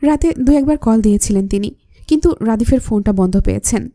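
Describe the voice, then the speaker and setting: A woman's voice: a little high, fairly quick, dark tone, no room sound. Woman reading a story, dry close mic. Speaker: story narrator. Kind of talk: scripted story narration.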